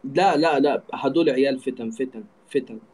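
A man's voice: mid-range voice, a little fast, darkish tone, a little hiss or hum, poor audio. A man with an Egyptian accent, chatting casually and teasingly as he hosts a live stream. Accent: Egyptian Arabic. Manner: joking, teasing. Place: indoor room, live video call.

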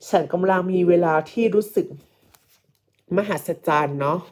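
A woman's voice: fairly low pitch, moderate pace, darkish tone. A woman teacher giving a patient English lesson, repeating each phrase and translating it for her students. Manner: asks the students questions and calls them kids. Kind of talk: slow classroom English lesson explained in Thai.

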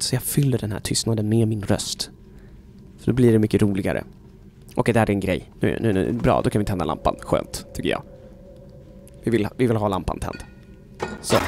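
A man giving chatty let's-play commentary on a horror game, filling silences with talk and switching between hushed whispers and loud yelps. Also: medium pitch. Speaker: gaming YouTuber.

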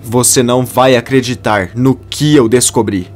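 A man's voice: mid-range voice, fairly even intonation, moderate pace, faint music behind, lightly acted. A man voicing an earnest man with urgent news, close to his own normal voice. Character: earnest man revealing a family secret.

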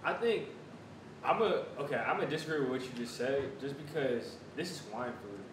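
A man's voice: animated, fairly quick. A man in his twenties with an American accent, casually reviewing food and chewing while talking. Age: 20s. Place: small bare room at a table, indoors. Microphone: camera several feet away. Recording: echoey room, distant mic, clear rumbling noise.

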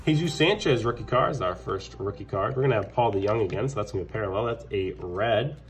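Talking fast in a fairly low voice, a card collector chats casually while opening trading card packs. He calls out each card and gets upbeat when good ones appear, with background music under his voice.

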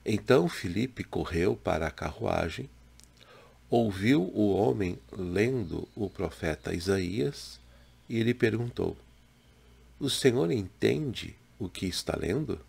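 A man in his sixties from Brazil, a pastor giving a slow, measured daily devotional to a webcam in a small home room. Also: fairly low pitch, expressive, vocal fry, slightly rough. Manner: slow, measured, gentle preaching with pauses. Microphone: webcam in front, head and shoulders.

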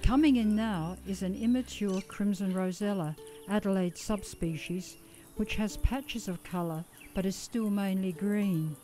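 Mellow Australian woman narrating birds. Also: medium pitch, measured pace, soft background music. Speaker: documentary narrator. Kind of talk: scripted nature narration.

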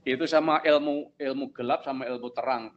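A man's voice: a little fast, lo-fi sound. A man preaching a sermon as pastor, telling a story and acting out both sides of a conversation, often checking whether the congregation follows. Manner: storytelling preacher, acts out dialogue with lively pitch jumps; asks the congregation if they follow.

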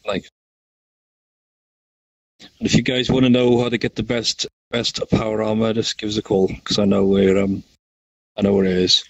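A man co-hosting a casual gaming chat, upbeat and quick to laugh. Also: fairly low pitch, flat delivery, dry recording, highs cut off. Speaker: co-host.

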